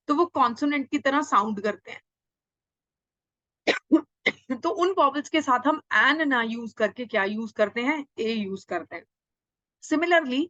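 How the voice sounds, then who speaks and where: A woman's voice: sits high, fairly bright tone, no echo, highs cut off. A young woman, teaching English grammar in a recorded lecture, answering her own questions and spelling words out letter by letter. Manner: mixes English words into Hindi, repeats "theek hai" often.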